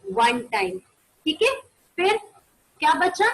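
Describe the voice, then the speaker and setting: High-voiced teacher woman, online maths class. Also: very animated, slow pace, fairly bright tone, rough recording. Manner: mixes Hindi and English, asks pupils questions and answers them herself; calls pupils by name to turn on their cameras. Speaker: primary school maths teacher. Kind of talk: online class on a video call.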